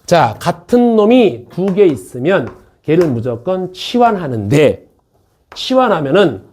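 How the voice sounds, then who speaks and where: A math teacher in a classroom, a man whose voice is soft and a little husky. He rises and falls a lot as he talks. He jokes with his students and keeps hammering the key point, checking that everyone is following. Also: high voice, sing-song, a little slow. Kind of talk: classroom lecture. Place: academy classroom.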